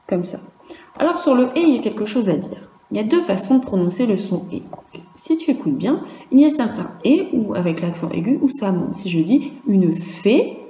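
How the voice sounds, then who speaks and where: A woman with a French accent teaching young children, speaking slowly and patiently, drawing out sounds and asking questions aloud. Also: mid-range voice, dark tone, reverberant. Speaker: primary school teacher. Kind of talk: recorded virtual class lesson for young children.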